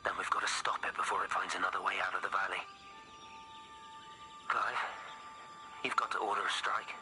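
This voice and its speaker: A man's voice: low voice, flat delivery, normal speed, pushed and bright, soft background music. An actor playing an insistent man who demands an airstrike to stop a threat. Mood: urgent. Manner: pressing, insistent.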